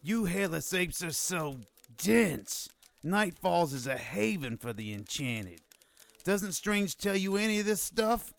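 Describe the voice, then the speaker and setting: Casting: sardonic, taunting wise guy for audio drama, fairly high voice, very lively swings. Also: slow, creaky, dry recording, heavily acted. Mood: mocking, impatient. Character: cocky, mocking wise guy from an enchanted world.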